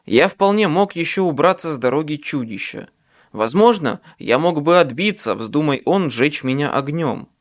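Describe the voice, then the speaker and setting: A man narrating an audiobook in first person with a dramatic, expressive delivery. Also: on the high side, normal speed.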